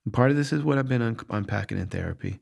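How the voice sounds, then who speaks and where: Fast and gravelly, with a mid-range voice and a darkish tone, this middle-aged man hosts a podcast. Responding to listeners, he reflects candidly and earnestly on difficult times, frequently restarting as he hunts for the right words.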